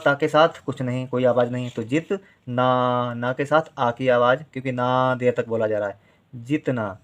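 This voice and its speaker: Calm guy teaching spelling, stretches sounds out, repeats stuff slow, middle pitch. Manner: patient, drawn-out syllables, repeats words slowly. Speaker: Hindi writing teacher. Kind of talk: step-by-step writing lesson.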